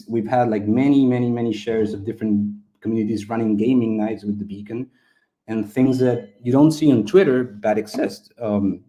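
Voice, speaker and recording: A man from Chile with a fairly low, mellow voice speaks Spanish as an interview guest. He founded a game studio and explains things casually, often repeating his words.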